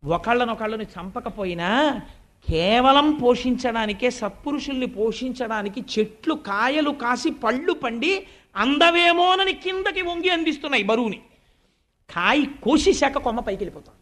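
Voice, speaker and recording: A man's voice: very high-pitched, animated, normal speed, a bit bright. A man giving a devotional sermon on scripture. He tells stories in a conversational way, adds polite asides to his listeners, and acts out the quoted words of family members and sages. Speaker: spiritual discourse speaker.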